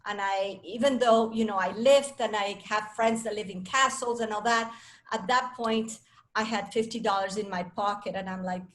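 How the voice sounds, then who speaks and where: A woman's voice: mid-range voice, fairly even intonation, normal speed, a bit bright, slight background noise. A woman in her fifties from Venezuela, a coach giving a chatty, self-assured talk to a live audience. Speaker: speaker and coach.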